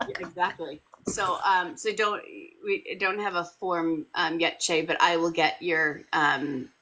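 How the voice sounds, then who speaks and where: A woman hosting a live stream, tired and hesitant, with many pauses and ums. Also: fairly low pitch, fairly even intonation, pushed and bright, slight background noise, low-quality recording. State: exhausted. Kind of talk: casual live-stream chat.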